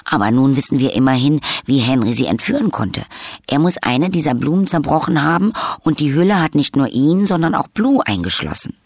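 A man's voice: lowish voice, big pitch swings, unhurried, creaky, few pauses, husky, no echo, clean studio sound, heavily acted. A man voicing an earnest, flustered young prince who talks eagerly.

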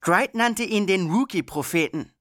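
An excited young schoolgirl , as the audiobook reader puts her on pipes up to show her friends a paper puppet. Her voice sits higher than the narration and bubbles with eagerness. The recording is dry and close, with no room sound. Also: moderate pace, no room sound, close to an everyday voice. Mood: eager.

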